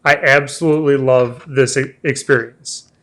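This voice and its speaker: A man's voice: mid-range voice, fairly even intonation, normal speed, a bit bright. A man hosting a casual travel chat, talking in a chatty way and restarting his sentences often. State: has the hiccups. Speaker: travel show host.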